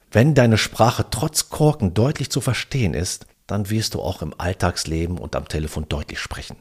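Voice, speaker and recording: A man's voice: sits low, darkish tone, breathy edge. A man hosting a podcast, coaching the listener on how to speak on the phone. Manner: coaching, addresses listener directly with exercises. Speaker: podcast host and sales coach. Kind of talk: instructive podcast monologue.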